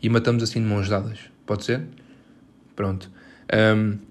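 A man's voice: lowish voice, level tone, moderate pace. Exasperated young Portuguese man ranting. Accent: European Portuguese. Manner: sarcastic, exasperated, mock-dramatic. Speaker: podcast host. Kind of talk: solo podcast rant. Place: his bedroom.

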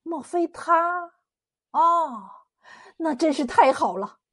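An eager young scholar smitten with love, played by a woman narrator, all anxious, excited questions. The voice runs high. It rises sharply as he presses for answers. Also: slow pace, heavily acted.

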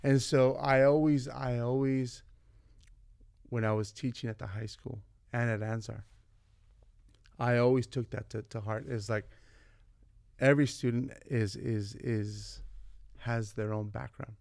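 Gravelly-voiced man telling stories. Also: mid-range voice, a little slow, pauses often, dry recording, clean studio sound. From California. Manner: animated, acts out quoted dialogue in his stories. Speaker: vice principal, podcast guest. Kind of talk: casual storytelling interview.

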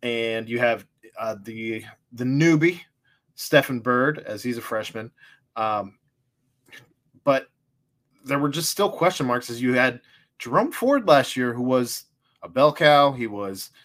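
Male host, mid pitch, conversational sports rundown, easy laugh. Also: animated, a little slow, long pauses, a bit bright. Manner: steers the talk, rundown of college football news, laughs easily. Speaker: podcast host. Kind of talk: casual sports chat.

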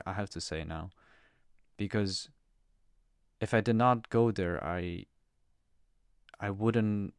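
This is a young man from the Czech Republic with a notably low voice, speaking as a podcast guest. He talks casually and hesitantly, padding his sentences with fillers. The sound is dry and close. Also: dry recording. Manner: hesitant, full of fillers and restarts. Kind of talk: casual personal conversation.

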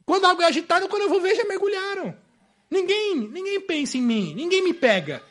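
A man with a Brazilian accent voicing a bitter, hopeless paralyzed man who complains quickly and indignantly. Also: very high-pitched, very animated, a bit bright, pitched above the performer's own voice, exaggerated voice. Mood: indignant complaining. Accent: Brazilian Portuguese.

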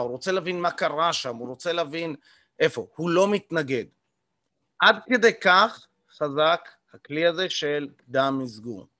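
Male workshop coach, fairly high voice, explanatory, hesitant fillers, keeps checking in with the room. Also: pushed and bright, no room sound, studio quality. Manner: explanatory, checks in often with the audience. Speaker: communication coach leading a workshop. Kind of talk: live teaching to a group.

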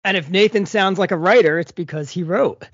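A man's voice: high-pitched, a little fast, dry recording, dull audio. A male podcast co-host chatting casually, blunt and opinionated. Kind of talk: casual chat.

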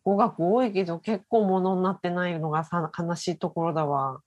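A woman's voice: fairly low pitch, steady tone, a little fast, a little mellow, muffled recording. A woman co-hosting a podcast in casual chat, listening attentively and nodding along often. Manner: attentive, frequent back-channel nods. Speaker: podcast co-host.

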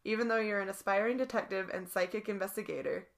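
A woman's voice: mid-range voice, quick pace, creaky. A young woman co-hosting a podcast, reading a board game story aloud with giggles and playful asides. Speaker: podcast co-host.

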